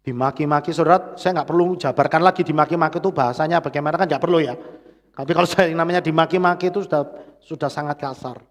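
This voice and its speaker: A man's voice: fairly high pitch, fast talker. A man with a Central Javanese accent preaching a sermon, often calling on the congregation to answer amen. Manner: engaging, prods the congregation for "amen". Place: church hall. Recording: reverberant church hall.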